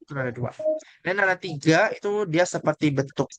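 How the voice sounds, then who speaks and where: A man's voice: fairly high pitch, expressive, fairly quick, a bit bright, dry recording. Man teaching Mandarin tones to a class. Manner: explains patiently, asks the class questions, demonstrates tones.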